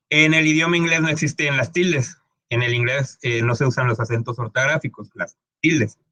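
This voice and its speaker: With a sharp tone in his mid-range voice, a man teaches English pronunciation informally on a dry recording. He keeps asking "¿ok?", stretches out sounds to show them, and his speech is full of fillers and restarts.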